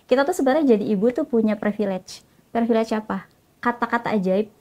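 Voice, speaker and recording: A woman's voice: on the high side, fairly quick, darkish tone. A mother appearing as a podcast guest, speaking earnestly and giving advice in casual chat. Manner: earnest, advising.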